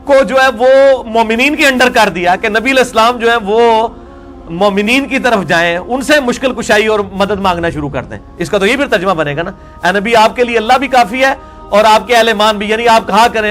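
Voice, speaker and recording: A man's voice: extremely high pitch, fairly bright tone. A man delivers a religious lecture. He works through scripture verse by verse in a combative way. Faint music plays under his voice. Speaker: religious scholar.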